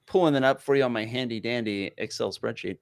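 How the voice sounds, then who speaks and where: A man, co-hosting a casual high school football talk show in an excitable, folksy, joking manner. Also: fast talker, clear, resonant tone. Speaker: podcast co-host.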